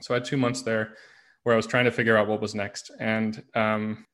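Low, flat-voiced man. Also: fairly quick. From United States. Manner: relaxed, rambling storytelling. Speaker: podcast guest. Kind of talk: casual interview conversation.

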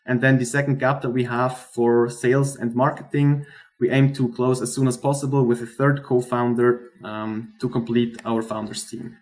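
A man presents as a startup founder in a rehearsed investor pitch style, explaining earnestly with some halting pauses. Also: level tone, darkish tone.

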